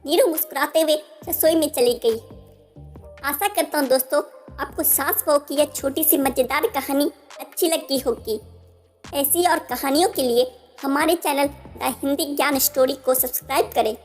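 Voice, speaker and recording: A woman narrating a family storybook tale in an even, steady reading voice. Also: sits high, normal speed. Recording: soft music underneath.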